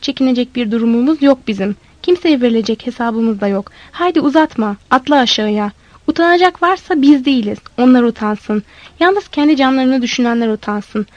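A woman voicing a bossy, streetwise boy vendor who scolds loudly and insistently. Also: a little high, no room sound, dull audio, lightly acted.

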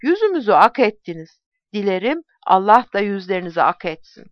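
Ordusunun başındaki ağırbaşlı bir padişah, resmi ve vakur bir dille konuşuyor; bu erkeği bir kadın anlatıcı seslendiriyor. Kayıt kuru ve biraz boğuk. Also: female voice, medium pitch, big pitch swings, brisk, no room sound, dull audio, close to an everyday voice. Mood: grateful. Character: dignified male Ottoman sultan commanding an army.

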